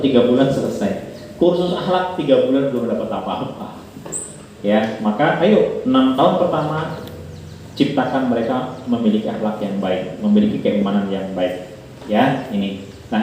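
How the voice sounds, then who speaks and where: A man giving a parenting talk to an audience of parents, lively and asking them questions. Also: mid-range voice. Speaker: parenting seminar speaker. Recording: echoey hall from far off with faint noise.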